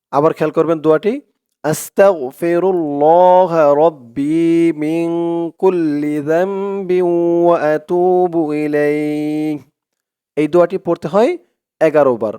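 A man with a Bangladeshi Bengali accent teaching a prayer routine step by step, reciting Arabic phrases slowly and repeating each count patiently for his viewers. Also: on the high side, warm tone, no echo, clean studio sound. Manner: repetitive, patient, addresses viewers directly. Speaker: religious teacher. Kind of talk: step-by-step instruction.

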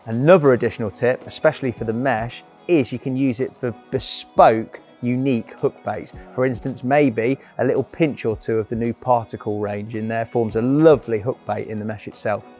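A man's voice: medium pitch, fairly even intonation, moderate pace, few pauses, darkish tone, faint music behind. A young man gives an upbeat, colloquial product walk-through at a trade show, speaking into a lapel mic. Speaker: product presenter. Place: large indoor trade show hall.

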